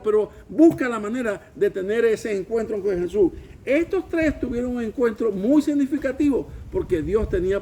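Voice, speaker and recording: A man preaching a sermon in a church, with a high, gravelly voice. He preaches with emphasis and has the congregation repeat his words back to him. Faint noise sits behind the recording. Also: darkish tone. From Venezuela. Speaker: pastor.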